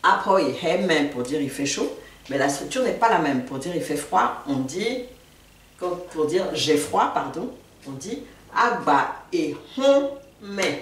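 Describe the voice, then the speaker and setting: Low-voiced woman teaching words slowly. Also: lively intonation, a little hiss or hum. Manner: patient, repeats words slowly with pauses. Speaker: language teacher. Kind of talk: casual spoken language lesson. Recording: echoey room, mic at a distance.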